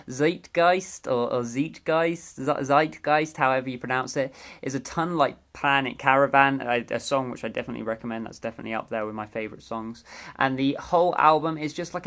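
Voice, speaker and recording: A young man talking through a ranked album countdown in a relaxed, chatty way. His voice sits at an ordinary middle pitch, and he gets eager about favourite tracks, often restarting or correcting himself mid-phrase. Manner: enthusiastic and chatty, with small self-corrections. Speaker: music reviewer. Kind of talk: casual ranked album review.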